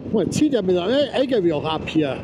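A man's voice: sits high, sing-song, fast, heavy background noise. A man giving a casual, enthusiastic running commentary to viewers while riding a motorcycle on a mountain road, talking through a helmet mic. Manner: chatty, enthusiastic, talks to himself and viewers. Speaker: motorcycle vlogger.

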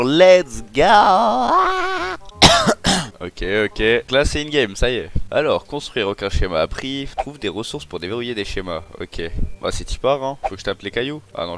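Young male gamer, deeper voice, rowdy let's play chatter that bursts into shouts at enemies. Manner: excitable, swears, yells at enemies, addresses viewers as brothers. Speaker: gaming YouTuber.

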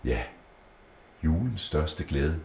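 Man doing a soft, kindly elf mother, storybook reading. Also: a bass voice, sing-song, creaky, echoey room, slight background noise, heavily acted. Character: kind, caring elf mother.

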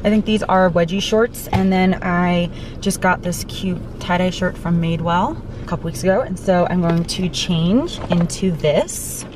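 A woman's voice: fairly low pitch, unhurried, background noise. A young woman vlogging to a dashboard camera inside her parked car, chatting and rambling as she explains each step. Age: young adult. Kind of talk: casual vlog talk to camera.

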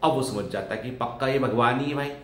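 A man's voice: medium pitch, fast, fairly bright tone. A man hosting a vlog, telling a story in a casual, conversational way and often adding "ठीक है" as a tag. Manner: conversational, with frequent "ठीक है" tags. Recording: roomy echo, faint background noise.

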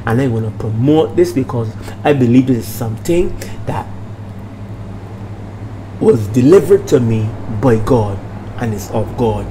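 An older man with a Bajan accent and a mid-range voice speaks at a measured pace, hosting his vlog as a minister. He's casual yet preachy and emphatic, repeating phrases and checking in with listeners from a small room at home, where a steady background hum makes it noisy.

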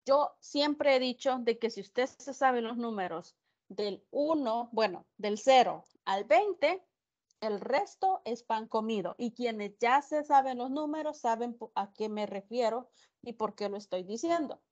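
A woman's voice: a little high, animated, measured pace, a little mellow, highs cut off. A woman teaching an English class online, explaining patiently and repeating the numbers. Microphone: video call.

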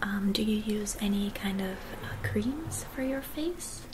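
A woman in her twenties doing a whispered role-play as a spa attendant, speaking softly and gently in an attentive, whispery voice. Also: medium pitch, animated, unhurried, noisy background. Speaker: ASMR performer playing a spa clinic receptionist and therapist. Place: small dim room at home.

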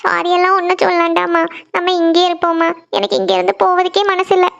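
A woman's voice: very high voice, little pitch movement, fast talker, gravelly, fairly bright tone, lo-fi sound, exaggerated voice. A pleading cartoon teen girl. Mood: hurt. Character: tearful teenage daughter.

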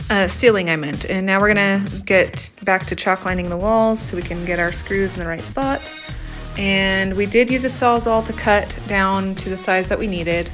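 A chatty woman in her thirties talks through her home renovation in a casual vlog voice-over. She is blunt and relaxed, often filling pauses with "um". Faint music plays underneath. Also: mid-range voice. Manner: chatty, blunt, with frequent "um" fillers.

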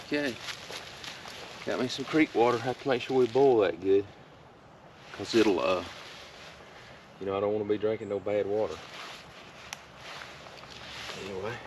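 A man's voice: on the low side, normal speed, long pauses. A middle-aged man, talking to himself and the camera in a folksy way while making camp coffee in the woods. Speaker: outdoors vlogger. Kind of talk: casual solo narration while camping. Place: forest clearing outdoors. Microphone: camera set on the ground some distance away. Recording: distant camera mic, outdoor noise.

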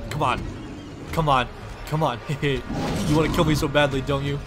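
Sarcastic and sweary, the creator of a game parody series plays the exasperated player character in his comedic dub. He speaks at normal speed in a slightly high, steady tone, with game music behind him.

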